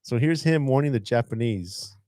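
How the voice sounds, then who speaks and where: A man's voice: mid-range voice, moderate pace, background noise. A man co-hosting a podcast, joking and chatting casually. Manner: joking, laughing, animated. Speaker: podcast co-host. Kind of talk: casual chat.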